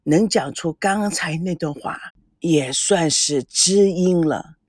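A woman voicing a gentle, scholarly old grandfather who talks slowly and thoughtfully. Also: on the low side, sing-song, husky, dry recording, clean studio sound, voice pushed down, heavily acted. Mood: solemn. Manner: slow, measured, reflective.

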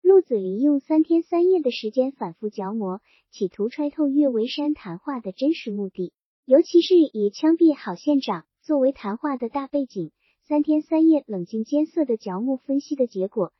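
Woman narrating a novel audiobook, high breathy voice, dull muffled dry audio. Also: expressive, moderate pace, no echo. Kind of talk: novel reading.

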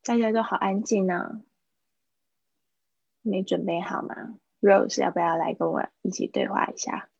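A woman teacher leads a live-streamed English lesson, explaining phrases and repeating key words slowly. Her voice carries a gravelly, slightly husky edge. The sound is close and dry. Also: medium pitch, fairly even intonation, darkish tone, no room sound, highs cut off. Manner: patient explaining, drills pronunciation by repeating words.

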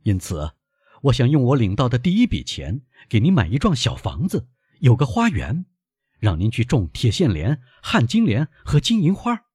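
A man's voice: mid-range voice, huge pitch swings, normal speed, darkish tone, husky, dry recording, studio quality, voice pushed up. A man reading an audiobook, voicing an earnest young sailor son who is devoted to his father, with an emphatic, pleading manner.

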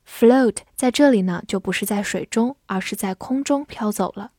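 A woman teaching English vocabulary, spelling out words letter by letter and reading example sentences slowly. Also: mid-range voice, mellow, no echo, studio quality. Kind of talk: vocabulary lesson.

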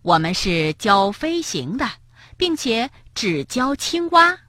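Woman doing a sly, hushed stork gentleman. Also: a little high, sing-song, slow pace, dry recording, studio quality, voice pushed up, heavily acted. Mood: smooth. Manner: smooth, hushed and ingratiating. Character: sly, overly polite stork doctor, male.

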